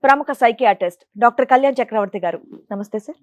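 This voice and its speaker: Brief: woman host with a slightly high, quick, polite delivery, faint noise behind. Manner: polite, brisk. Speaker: show host. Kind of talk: scripted welcome and interview.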